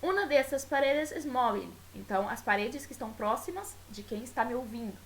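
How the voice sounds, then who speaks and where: A Brazilian woman teacher giving a recorded Spanish lesson with a Brazilian Portuguese accent. She explains patiently and keeps checking in with her class. She stretches out example words slowly so they can hear the pronunciation. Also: fairly high pitch, lively intonation, fairly bright tone, slight background noise, low-quality recording. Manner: checks in often with tag questions. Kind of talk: recorded school video lesson.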